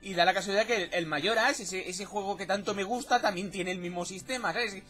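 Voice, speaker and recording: A man's voice: high-pitched, fairly quick, a bit bright, soft background music. A man hosting a let's play, rowdy and joking, swearing and laughing at his own gags.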